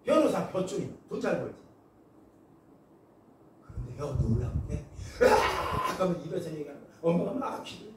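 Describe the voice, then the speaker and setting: In a high, lively voice, a male pastor preaches a sermon, telling stories with animation and acting out the voices of the people in them. He speaks fairly quickly with frequent pauses, heard from a distance in an echoey church hall over faint background noise.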